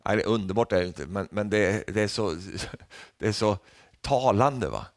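A man preaching a sermon, lively and humorous, often tagging lines with a questioning "va?", and rising to loud calls when he quotes. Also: on the low side, no room sound, clean studio sound. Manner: rises to loud calls when quoting Jesus.

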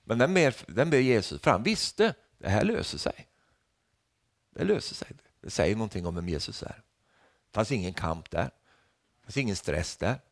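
A man preaching a lively sermon, his pitch swinging widely as he jokes with the congregation. The sound is dry and close, with no room echo. He peppers his lines with questioning tags and rises to loud calls whenever he quotes. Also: vocal fry, pauses often. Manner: rises to loud calls when quoting Jesus.

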